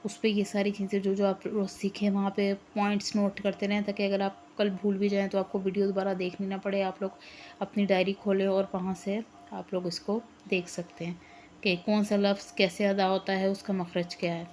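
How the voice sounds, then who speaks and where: A woman teaches Arabic letters in an online lesson. She repeats each sound slowly and patiently in a flat, level voice. A faint hiss of noise sits behind her. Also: mid-range voice. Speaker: Quran teacher.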